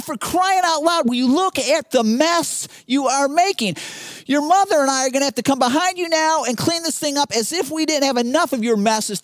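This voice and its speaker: A preacher acting out an exasperated father yelling at his small son, in a raised, scolding voice. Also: very high-pitched, dry recording, voice pushed up.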